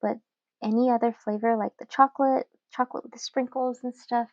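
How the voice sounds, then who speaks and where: A young woman chatting casually while she journals at home, relaxed and giggly, with lots of fillers. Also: a little high, fairly quick, no echo, muffled recording. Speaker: journaling channel host.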